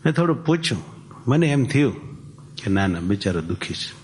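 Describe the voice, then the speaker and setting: A male preacher, speaking at a middling pitch. He talks in a storytelling way, quotes old scripture verses, and then unpacks them in a plain, folksy way. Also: very animated, a little fast, a little hiss or hum. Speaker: religious preacher. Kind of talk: sermon with storytelling.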